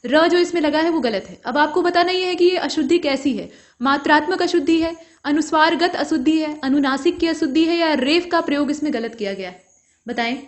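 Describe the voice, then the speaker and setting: A woman's voice: high-pitched, fairly quick. A woman teaching Hindi grammar for an exam, working through each answer step by step and checking in with her students as she goes. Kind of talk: explanatory lesson.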